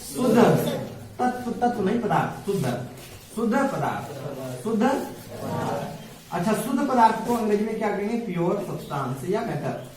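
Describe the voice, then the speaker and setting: Speaking at normal speed with frequent pauses, a man with a high voice leads a science lesson, drilling students with repeated questions. He fondly calls them "babu." The echoey room, distant mic and steady background noise color the recording.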